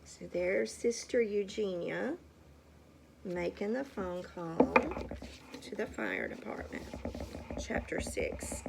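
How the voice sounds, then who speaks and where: A woman's voice: medium pitch, slow, creaky, very noisy. A woman reading a storybook aloud to a child at home, with chatty asides and questions. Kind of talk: casual storytime read-aloud.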